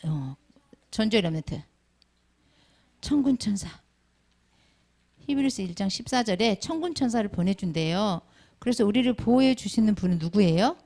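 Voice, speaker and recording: Teaching Sunday school, a middle-aged woman speaks at a moderate pace with an expressive, medium-pitched voice that is creaky and darkish, leaving long pauses. She calls children by name and peppers the class with questions in her children's sermon.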